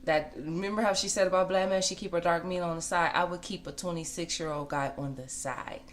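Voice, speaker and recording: An American woman around forty with a slightly low voice talks casually, as in a gossip vlog. She is blunt and conversational, often repeating a phrase to stress her point. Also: fairly even intonation, fairly quick. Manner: blunt, conversational, emphatic repetition. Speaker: celebrity gossip commentator.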